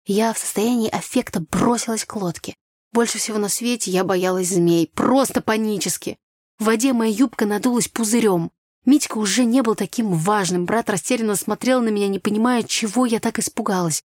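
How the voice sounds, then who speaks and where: A woman reads a first-person teen novel aloud in a lively, expressive way, close to the mic. Her voice sits in a middle pitch and the recording is dry, with no room around it. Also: brisk, dry recording. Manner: lively, acts out dialogue. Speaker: audiobook narrator.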